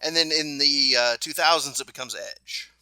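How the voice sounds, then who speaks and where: A podcast co-host talking through his ideas casually and stopping to search for the right word. His voice has a very bright, sharp edge at a middle pitch. The sound is dry and close. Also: fairly even intonation, moderate pace, clear, resonant tone, dry recording. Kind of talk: casual chat.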